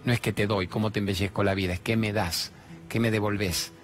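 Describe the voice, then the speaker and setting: A man with a Rioplatense Spanish accent giving a lively monologue on relationships. He fires off rhetorical questions and acts out the voices of the people he quotes. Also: lowish voice, fairly quick, slight background noise. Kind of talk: stand-up style monologue on relationships.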